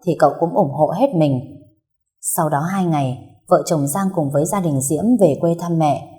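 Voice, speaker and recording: A young woman narrates a story in a calm, even manner. Her voice sits a little low and sounds mellow and soft-edged, paced for steady listening. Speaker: audiobook narrator. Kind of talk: scripted narration.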